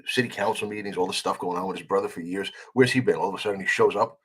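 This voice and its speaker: A man's voice: low voice, breathy edge. A man as a podcast guest, telling a heated story in a casual conversation, with some swearing. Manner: fast, animated, swearing, retelling a confrontation.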